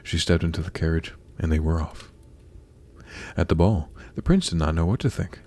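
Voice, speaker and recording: Low husky male storyteller, ASMR reading. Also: normal speed. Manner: calm, soft bedtime delivery. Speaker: narrator. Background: crackling fire.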